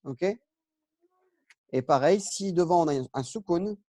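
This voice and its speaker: A man teaching a relaxed lesson, patient and step by step, with frequent fillers and self-corrections. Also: on the high side, a little slow, no echo, studio quality. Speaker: Arabic teacher. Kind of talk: casual lesson on Arabic spelling.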